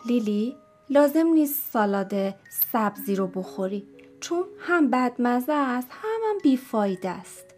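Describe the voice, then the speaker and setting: A woman plays a sly, playful uncle in a storybook. He coaxes in a calm, teasing tone, in a fairly high voice close to the reader's own. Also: soft background music, lightly acted. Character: playful uncle using reverse psychology.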